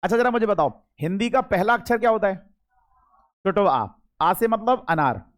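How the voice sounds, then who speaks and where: Man, young adult, high-pitched, classroom lecture, chatty, repeats key words. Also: expressive, normal speed. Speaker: Hindi teacher.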